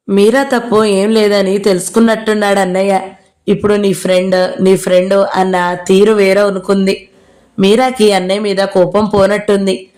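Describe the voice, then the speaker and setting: A woman narrating an audio novel in a steady storytelling read. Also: mid-range voice.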